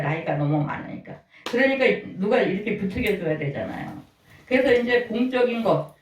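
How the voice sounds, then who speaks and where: A pastor in their sixties giving a conversational sermon, often asking the congregation questions. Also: medium pitch. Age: 60s. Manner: folksy, asks the congregation questions. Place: church sanctuary. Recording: roomy echo, voice from far off.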